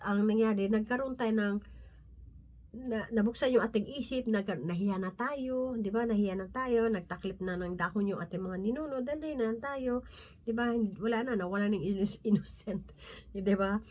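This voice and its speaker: A woman giving an informal Bible talk as a lay preacher, talking conversationally with frequent tag questions, restarts and soft laughs, and reading scripture slowly from her notes. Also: medium pitch.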